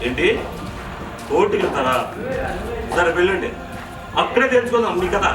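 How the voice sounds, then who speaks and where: An actor playing an arrogant rich employer who talks in a scornful, dismissive way. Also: male voice, high voice, expressive, a little fast, reverberant, recorded from a distance, low-quality recording. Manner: scornful, brushing others off. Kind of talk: short film acting.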